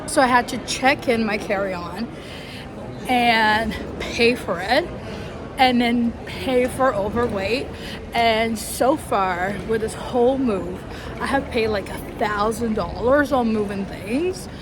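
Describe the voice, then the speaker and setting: A young woman vlogging to camera in a casual, chatty, expressive and informal way. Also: on the high side. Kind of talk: casual vlog chat to camera. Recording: clear background noise, travel ambience.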